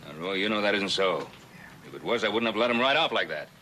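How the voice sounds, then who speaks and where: An actor playing a calm, just ranch patriarch in a 1960s TV western, measured and reasoning. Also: male voice, on the low side. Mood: firm, reasoning. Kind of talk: 1960s television western acting. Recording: noisy old TV soundtrack.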